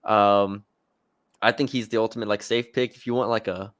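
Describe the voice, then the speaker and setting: Smooth-voiced man in casual sports chat. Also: lowish voice, steady tone, moderate pace, a bit bright, dry recording, clean studio sound. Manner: conversational, hesitant with fillers and restarts. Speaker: sports podcast co-host.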